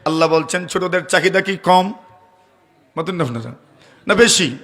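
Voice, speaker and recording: A male Islamic preacher giving a waz sermon. He chants Quranic verses in a slow melody and keeps asking the crowd rhetorical questions. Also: high-pitched, lively intonation. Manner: asks the audience rhetorical questions; swells to loud emphatic peaks, then drops to soft storytelling.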